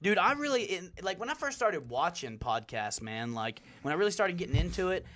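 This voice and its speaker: A man's voice: high voice, sing-song, fairly quick, a bit bright. A young man hosting a podcast in casual chat, laid-back and full of "bro" and "dude". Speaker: podcast host.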